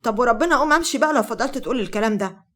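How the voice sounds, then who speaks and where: A woman's voice: a little high, animated, racing, a bit bright. A woman voicing a naive, careless young woman with an Egyptian Arabic accent, wary and prickly.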